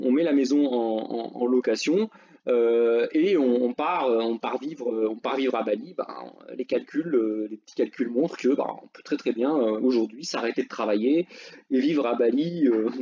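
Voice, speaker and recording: A man's voice: mid-range voice, a little mellow, a little hiss or hum. A middle-aged man talking casually in an unscripted monologue, full of fillers and repeated words. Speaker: personal finance YouTuber. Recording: slightly dull lo-fi sound.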